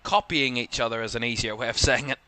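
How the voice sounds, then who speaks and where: This young man from Northern Ireland narrates a football match live at a quick clip, his voice rising as attacks unfold. He speaks at a medium pitch in a steady tone that sounds pushed and bright.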